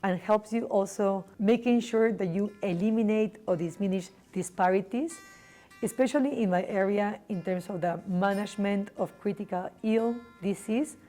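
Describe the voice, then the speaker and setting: A middle-aged woman from Peru speaks English with a Peruvian Spanish accent. Her voice is mellow and warm, and she talks earnestly with small slips in her phrasing. Faint music plays quietly underneath. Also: mid-range voice, normal speed. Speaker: neurology professor. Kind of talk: interview monologue.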